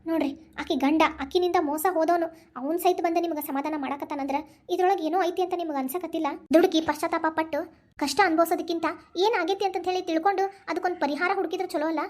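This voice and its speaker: A woman's voice: extremely high pitch, fairly even intonation, fast, darkish tone. A woman voicing a worried mother in a cartoon, pleading with her husband in a North Karnataka accent. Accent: North Karnataka Kannada. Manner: anxious, pleading. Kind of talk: cartoon voice acting.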